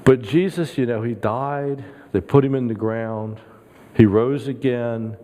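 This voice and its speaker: A man preaching as a guest speaker in an easygoing, storytelling manner, chuckling often. His voice is mellow and medium-pitched. It echoes with the long reverb of a church hall. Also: unhurried. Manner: conversational, chuckling, animated when quoting Peter. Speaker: guest pastor. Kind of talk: sermon. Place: church sanctuary.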